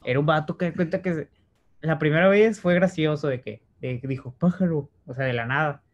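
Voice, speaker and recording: A man's voice: fairly high pitch, fairly quick. A young man with a Mexican accent, recalling stories in a casual chat with friends, slangy and laid-back. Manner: laid-back storyteller full of slang who quotes himself. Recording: dull lo-fi sound.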